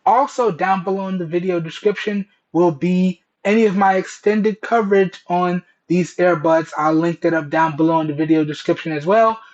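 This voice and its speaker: Higher-pitched man on a muffled Bluetooth headset mic. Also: moderate pace, few pauses. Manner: colloquial, repeatedly checks in with "okay" and "all right". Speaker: tech reviewer, video host. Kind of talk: casual product test presentation to camera. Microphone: Bluetooth earbud microphones.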